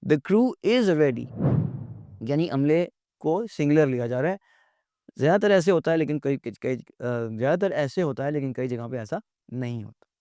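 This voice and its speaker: A man giving a recorded grammar lecture, explaining in Urdu-Hindi and reading English definitions slowly and deliberately, often correcting pronunciation. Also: on the high side, darkish tone, clear, resonant tone, no room sound, clean studio sound. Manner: corrects pronunciation by repeating words.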